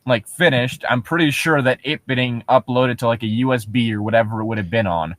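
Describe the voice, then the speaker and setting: This man co-hosts a show where he reads online horror stories and jokes about them, full of sarcasm, disbelief and offhand swearing. He talks a bit fast in a medium-pitched, fairly bright voice.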